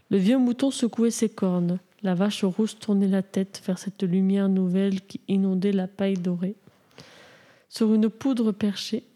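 A woman reading a Christmas storybook aloud in a measured, gentle way. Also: mid-range voice.

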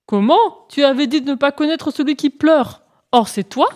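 A woman voicing a kind, helpful little male hippopotamus in a storybook, speaking gently and reassuringly. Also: on the high side, expressive, moderate pace, natural voice. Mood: kindly.

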